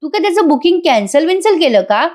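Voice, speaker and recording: Here is a sugary, mock-caring young woman who pokes and teases in a retelling of a TV-serial scene, as a woman narrator puts her on. Her voice sits fairly high and stays close to the narrator's own. It comes across as a storyteller lightly acting out a line. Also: big pitch swings, quick pace, darkish tone. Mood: mock-sweet. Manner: sugary, mock-sympathetic, teasing. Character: sweet-talking, taunting young woman meddler.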